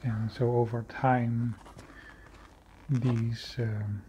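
A man narrating his own cave footage in an unscripted voice-over, slow and halting with many fillers and restarts. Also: mid-range voice, little pitch movement, dark tone, a little hiss or hum. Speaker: video creator exploring a cave.

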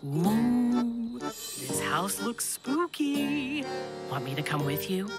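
A woman voicing a caring cartoon mother who gently teases her young son. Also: fairly high pitch, very animated, very slow, heavily acted. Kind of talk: cartoon voice acting. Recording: studio voice over loud music.

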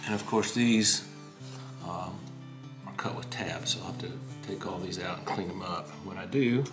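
Loud music plays beneath the low voice of an older man running a woodworking channel. Unhurried and calm, he explains the history before giving a demonstration at his bench in the workshop.

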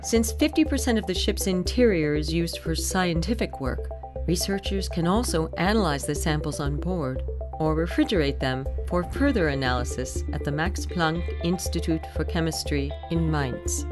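A woman giving measured, scripted documentary narration as a voice-over. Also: sits low, expressive. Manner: measured, explanatory. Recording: voice-over with music bed.

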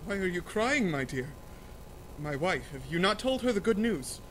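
A man playing a furious, domineering middle-aged nobleman who blusters and shouts threats at his daughter. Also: high voice, big pitch swings, moderate pace, a little hiss or hum, poor audio. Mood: stern. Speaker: student actor in a school reading.

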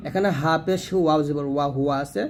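A man from Bangladesh teaching correct recitation in a spoken lesson, explaining patiently and then reciting slowly with drawn-out vowels. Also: fairly high pitch, darkish tone, a little hiss or hum.

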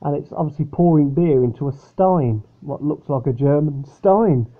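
A man chats his way through a drink review in a rambling, hesitant manner. His voice sits fairly high. The sound is thin and boxy, like a phone line. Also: normal speed. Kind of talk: casual product review. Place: upstairs bedroom at home.

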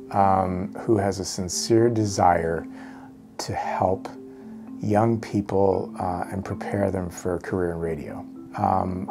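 A middle-aged man answering interview questions in an office, halting with many fillers and restarts. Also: fairly low pitch. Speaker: university fundraiser interviewee. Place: office indoors. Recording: background music.

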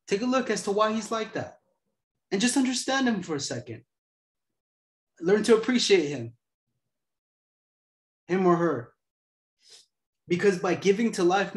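A man's voice: sits high, animated, moderate pace, long pauses, echoey room. A man in his twenties giving a casual motivational talk as host, laid-back and profane. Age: 20s.

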